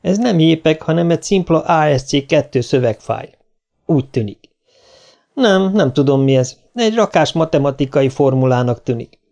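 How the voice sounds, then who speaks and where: A man voicing a young female crew programmer, quick and eager. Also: fairly high pitch, expressive, gravelly, a little mellow, voice pushed up. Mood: helpful.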